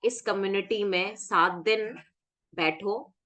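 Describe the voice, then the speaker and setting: A woman with a mid-range, somewhat bright voice speaks slowly as she runs a live fitness session over video call. Coaxing and upbeat, she keeps asking the group "right?" and invites them to laugh along.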